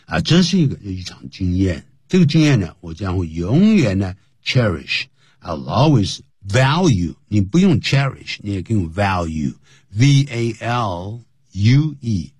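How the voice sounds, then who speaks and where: Man, English teacher, radio lesson, husky voice, lively swooping pitch, dry close sound. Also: measured pace, dry recording. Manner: explains phrases, spells words aloud letter by letter.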